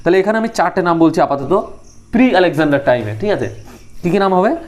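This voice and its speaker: A man's voice: high-pitched, lively intonation, fast talker, darkish tone. A young man teaching a group study lesson, drilling names and making students repeat them. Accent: Bengali.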